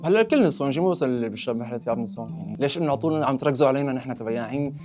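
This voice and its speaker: A man's voice: mid-range voice, animated, very fast, darkish tone, faint music behind. A 27-year-old man with a Levantine Arabic accent, teasing and laughing in joking game-show banter. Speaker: contestant.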